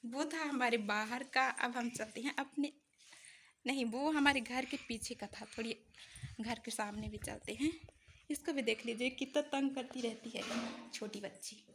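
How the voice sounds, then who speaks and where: Young woman vlogger, bright and fairly high voice, homely and chatty, handheld phone audio outdoors with faint background noise. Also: normal speed. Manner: chatty, apologetic, homely commentary. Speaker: village vlogger. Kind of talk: casual village vlog tour. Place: outdoors at a rural home.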